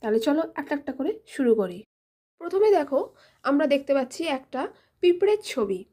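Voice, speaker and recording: A woman, a teacher hosting a children's English lesson. She speaks directly to the kids in a friendly way, spelling words letter by letter and repeating them slowly. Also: high-pitched, very animated, mellow. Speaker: teacher and channel host.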